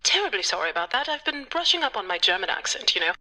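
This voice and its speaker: An actress playing a snobbish psychiatrist who looks down on servants, in a game. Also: female voice, medium pitch, very animated, fast, pushed and bright, full character voice, poor audio. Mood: snooty.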